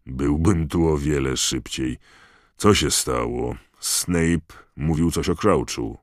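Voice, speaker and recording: A man reading aloud, voicing a gruff, irritable old male wizard who growls and wheezes. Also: rumbling low, takes it slowly, dry recording, clean studio sound.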